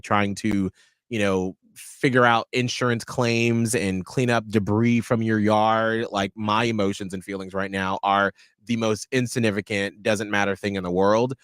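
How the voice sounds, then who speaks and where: A man's voice: medium pitch, a bit bright, no echo, studio quality. A man co-hosting a radio show, talking earnestly and reflectively in long, run-on thoughts. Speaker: radio co-host. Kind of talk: casual radio show chat.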